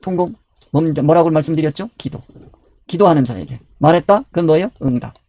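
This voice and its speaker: A man's voice: on the high side, animated, a little fast, mellow, no room sound. A man preaching a Bible study sermon. He asks questions and answers them himself, and he repeats his key words. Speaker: pastor.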